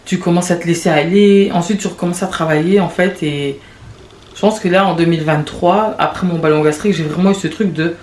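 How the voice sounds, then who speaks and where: A woman in her late twenties hosting a podcast, talking in a rambling, confessional way with quick restarts and laughs. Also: fairly low pitch, a little mellow. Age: late 20s. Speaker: podcast host. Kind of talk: casual confessional monologue. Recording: echoey room with faint background noise.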